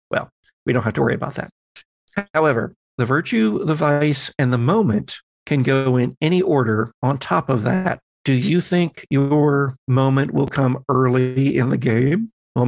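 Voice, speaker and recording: A man with a creaky, mid-range voice acts as game master and podcast host, explaining the rules to his players and steering them with questions. He is recorded on a close personal microphone during a remote group call.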